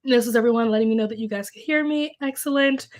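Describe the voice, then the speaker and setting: This livestream host is a young woman whose voice sits on the high side and moves at a quick pace. Recovering from illness, she's congested and slightly coughy, chatting casually from home into a desk mic, leaning on fillers and reacting to viewer comments.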